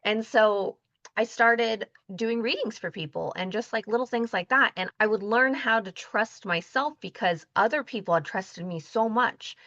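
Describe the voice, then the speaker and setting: A woman with a bright, forward voice tells stories animatedly in a casual interview and acts out the dialogue. The sound is dry and a little dull, like a lo-fi recording. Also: fairly high pitch, moderate pace, no echo. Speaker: guest, intuitive energy healer.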